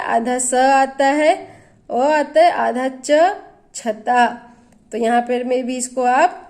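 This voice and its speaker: A woman's voice: high-pitched, darkish tone. A woman teacher giving a grammar lesson to children, explaining patiently and asking them questions as she goes.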